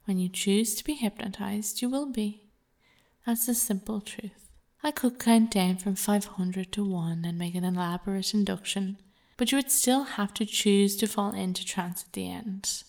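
A woman reading a scripted hypnosis narration in a measured, soothing, persuasive way. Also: medium pitch, a little mellow.

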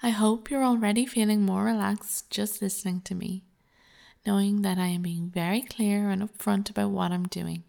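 Female hypnosis narrator, mid-pitched and gravelly with fry, measured, soothing and persuasive delivery. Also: fairly even intonation, darkish tone.

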